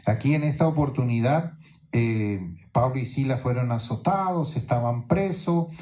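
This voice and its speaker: A man delivers a teaching sermon from the pulpit with a mellow, darkish voice of middle pitch. He explains scripture step by step and keeps checking in with his listeners through repeated rhetorical questions. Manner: teaching tone, keeps asking "¿no es cierto?". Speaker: pastor. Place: church in New York.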